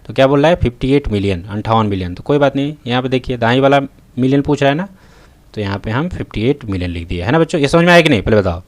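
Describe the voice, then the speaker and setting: A man's voice: medium pitch, lively intonation, fast. Guy teaching math in w a touch, keeps asking the kids if they get it, mid voice. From North India. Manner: repeats "theek hai" and "hai na", checks in with students. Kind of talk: tutorial lesson. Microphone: voice-over recorded while writing on a tablet.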